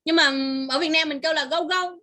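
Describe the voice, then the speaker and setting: High, bright-voiced teacher on a call. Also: female voice, little pitch movement, quick pace. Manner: patient, repeats words and praises answers. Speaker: English teacher. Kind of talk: online lesson for a child.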